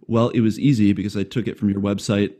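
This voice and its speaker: This man hosts a podcast in a fairly low, warm voice with a level tone, speaking quickly. After reading a scripted intro, he moves to a relaxed interview full of rambling, friendly questions and light jokes.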